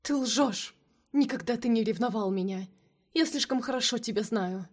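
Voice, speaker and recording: A woman voicing a jealous, fiery female vampire who shouts and hisses her accusations, in a storybook reading. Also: mid-range voice, moderate pace, lightly acted. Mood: furious.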